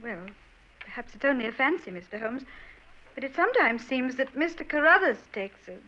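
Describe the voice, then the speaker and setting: A high, bright, forceful voice with lively intonation and a brisk pace belongs to an actress in an old 1940s radio drama. Playing an earnest young Victorian woman, she sounds worried and speaks in a hesitant, genteel way, and the broadcast audio is dull.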